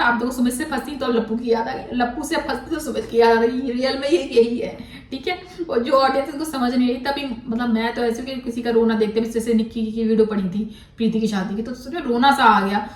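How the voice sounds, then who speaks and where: Woman vlogger, fairly high voice, scolding and opinionated, recorded in an echoey room away from the mic. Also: far from the mic. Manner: blunt, scolding, mixes English words into Hindi. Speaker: commentary vlogger. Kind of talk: critical commentary on a controversy.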